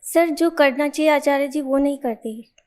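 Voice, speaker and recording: A young woman in the audience asking a question into a handheld mic, soft-spoken and hesitant. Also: high voice, normal speed. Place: large hall at a festival.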